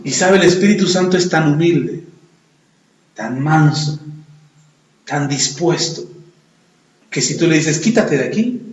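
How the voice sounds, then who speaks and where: A man preaching a lively sermon as a pastor, acting out the voices he quotes. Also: on the high side, takes it slowly, long pauses, roomy sound, a little hiss or hum, poor audio. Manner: animated, acts out quoted voices.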